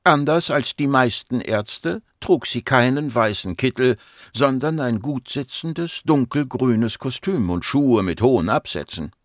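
Guy reading an audiobook, very lively pitch, super dry close sound. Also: a little slow, no echo. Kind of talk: scripted audiobook narration.

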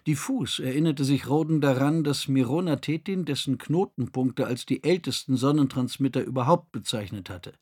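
A man reading a science fiction audiobook in an even, measured way. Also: medium pitch, husky. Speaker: narrator. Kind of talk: scripted audiobook narration.

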